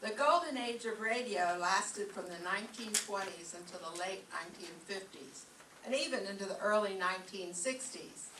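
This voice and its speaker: A woman's voice: mid-range voice, normal speed. A woman reading scripted narration as master of ceremonies of a live radio-style show. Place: live stage show in a room. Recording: echoey room, distant mic, faint noise.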